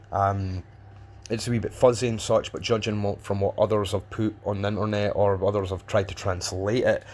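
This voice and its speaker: A man giving casual, unscripted commentary in a blunt, rambling, sweary way. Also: on the low side. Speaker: narrator explaining a violent video.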